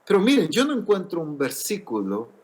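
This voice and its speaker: Lively preacher man. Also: sits high, a little fast. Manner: earnest, explanatory preaching with rhetorical questions. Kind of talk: sermon. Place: church.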